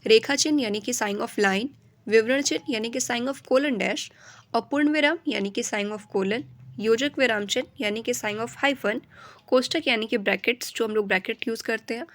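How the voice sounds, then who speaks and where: A woman's voice: on the high side, moderate pace, fairly bright tone. A woman teaching a grammar lesson, explaining each term and then repeating it in simpler words.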